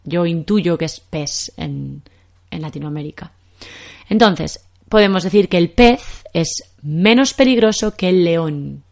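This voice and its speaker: A woman's voice: fairly low pitch, lively intonation, a little slow, gravelly, a little mellow. A young woman from Spain with a Castilian accent, teaching Spanish in a podcast lesson and explaining patiently with examples.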